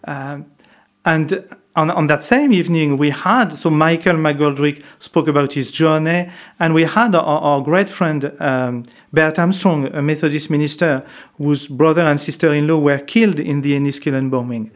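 Here a French monk with a French accent speaks at normal speed in a fairly high voice. He recounts stories during an interview in a reflective way, stumbling with frequent fillers and restarts.

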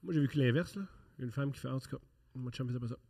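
A man's voice: mid-range voice, quick pace, darkish tone, husky. A man with a Québécois French accent, a guest on a podcast, teasing the others and telling anecdotes. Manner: teasing, storytelling banter. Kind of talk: casual podcast chat.

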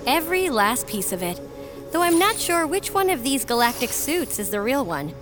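A woman voicing a sensible, practical young girl hero in an animated adventure. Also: high-pitched, normal speed, music in the background. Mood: cheerful, sensible. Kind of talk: animated adventure cartoon acting.

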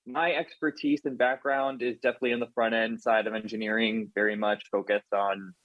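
A man's voice: fairly low pitch, flat delivery, fairly quick, no echo, muffled recording. A man guesting on a podcast as a front-end engineer, chatting casually and poking fun at himself with lots of "like". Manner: chatty, self-deprecating, lots of "like".

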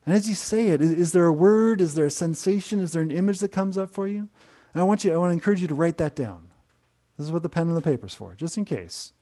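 A middle-aged man gives a sermon in a warm, relaxed tone that sits a little above the usual male pitch. He preaches conversationally, gently, and often restarts his phrases as he goes. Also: quick pace. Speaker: pastor. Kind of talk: sermon to an online congregation.

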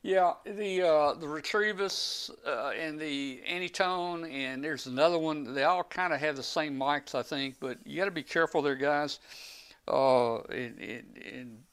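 This guest on a live ham radio show speaks in a fairly high, clear, resonant voice that's a bit bright and a little slow. Breathless, he rambles casually through technical explanations with many restarts.

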